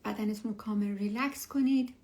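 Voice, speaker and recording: A woman leading a guided relaxation meditation as an instructor, speaking softly and soothingly, often near a whisper, with unhurried pauses. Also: medium pitch, steady tone. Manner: unhurried, with long pauses between phrases.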